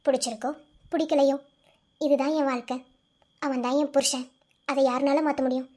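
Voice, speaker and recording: A woman's voice: sits high, little pitch movement, a little fast, a little mellow, natural voice. A woman with a Madurai Tamil accent voicing a frank, chatty young newlywed who lectures her friends.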